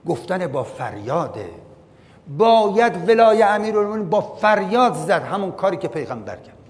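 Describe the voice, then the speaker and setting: Man lecturing in a reverberant hall. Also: gravelly. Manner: reads Arabic passages then explains them, asks the listeners questions. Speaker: religious lecturer. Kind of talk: religious lecture reading and explaining a text. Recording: long hall reverb with faint rumble.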